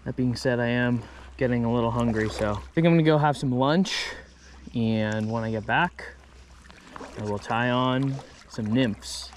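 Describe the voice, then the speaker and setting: A relaxed young man talks to his camera outdoors in an easygoing, chatty way. He pokes fun at himself now and then, with a mid-range voice. A faint hiss sits under the camera sound. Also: medium pitch, measured pace. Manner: relaxed, chatty, self-deprecating. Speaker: vlogger. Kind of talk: casual outdoor vlog narration. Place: outdoors by a river in a forest. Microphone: action camera, handheld or chest-mounted.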